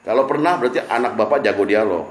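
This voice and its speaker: A man with a lowish voice talks fast as he leads a casual religious study session, cracking jokes and repeatedly putting questions to his listeners. He's a preacher, and the room he's in is echoey.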